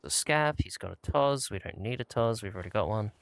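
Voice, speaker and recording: A man's voice: lowish voice, animated, a little fast, vocal fry, a bit bright. A man giving laid-back, casual commentary as he plays a game and talks himself through it. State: out of breath at times. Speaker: gaming channel host.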